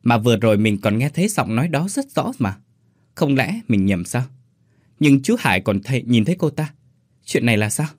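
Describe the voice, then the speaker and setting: A man's voice: medium pitch, sing-song, moderate pace, dry recording, studio quality. A man voicing a puzzled young man musing to himself. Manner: musing, wondering.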